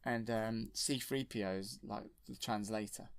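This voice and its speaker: A man, deadpan and rambling as he retells a film in plain, childlike words. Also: on the low side, a little slow, gravelly, smooth, no echo. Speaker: comedic storyteller.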